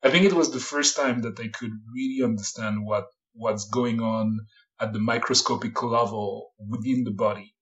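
A man's voice: mid-range voice, moderate pace, fairly bright tone, lo-fi sound. A man who grew up near Paris, a researcher guest speaking thoughtfully with frequent fillers. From France, Paris area. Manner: thoughtful, hesitant, many fillers, laughs lightly. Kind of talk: casual interview talk.

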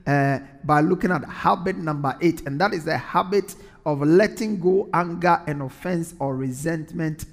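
A man's voice: fairly high pitch, normal speed, vocal fry, few pauses, in a large hall. A man preaching a sermon in an earnest way, repeating phrases for emphasis.

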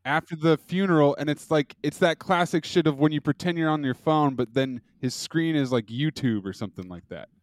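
Smooth-voiced man with dry close sound. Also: on the high side, a little fast, hardly any pauses, dry recording. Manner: questioning, laid-back, mild swearing. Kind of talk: casual TV discussion.

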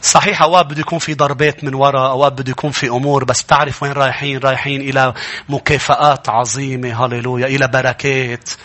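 A middle-aged man with a Lebanese accent, preaching a sermon as pastor, his voice rising into shouted, drawn-out lines. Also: mid-range voice, level tone.

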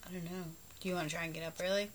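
A woman chats at home in a relaxed way, mostly giving short replies in a slightly low voice. Recorded on a phone, with clear background noise. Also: very fast. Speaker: podcast co-host. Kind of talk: casual chat.

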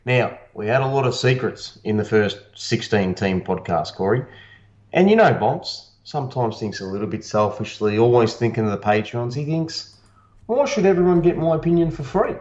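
A man's voice: mid-range voice, animated, moderate pace, darkish tone, echoey room. An Australian man co-hosting a podcast with crude, teasing, boastful banter and a lot of swearing. His voice sounds muffled and hollow, as if he's talking through a cone. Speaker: podcast co-host.

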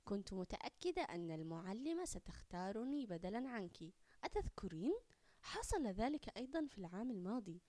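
A woman's voice: medium pitch, big pitch swings, a little fast, dark tone, dry recording, close to an everyday voice. A woman voicing an arrogant girl who taunts a classmate in a haughty way. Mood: sneering.

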